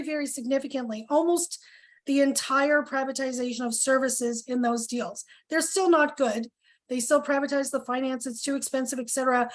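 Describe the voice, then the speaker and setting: A woman organizer presenting at a town hall over a video call, earnest with many pauses and fillers, losing her voice. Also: high voice. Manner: earnest, lots of ums and questions. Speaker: health coalition organizer.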